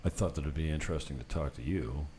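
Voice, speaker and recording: A talk show host with an extremely low, dark voice talks fast on his unscripted podcast, recorded in an apartment prepared for it. He rambles freely through anecdotes, swearing mildly at times, against noticeable background noise.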